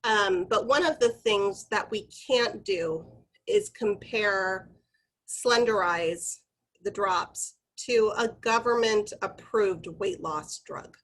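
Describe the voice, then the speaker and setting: Speaking slowly in a mid-range, fairly bright voice, a woman presents an informal corporate training, captured on a rough recording. Her tone is conversational and instructive as she explains guidelines directly to the group.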